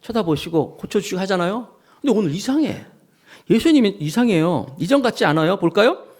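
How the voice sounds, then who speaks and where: Man pastor preaching, really animated, voice jumps all over, bit high. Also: fairly quick, breathy edge. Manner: animated, acts out scripture scenes; leads congregation in call-and-response. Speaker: senior pastor. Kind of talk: sermon.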